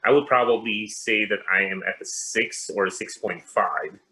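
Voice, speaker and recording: Low-voiced man with a bright edge. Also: low-quality recording. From Philippines. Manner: measured, with frequent pauses and fillers. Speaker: interview guest; pastor. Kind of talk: casual interview.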